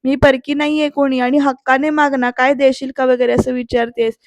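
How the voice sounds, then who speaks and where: A woman's voice: high voice, level tone, moderate pace, dry recording, natural voice. A woman voicing an earnest, affectionate young daughter who insists on helping her mother.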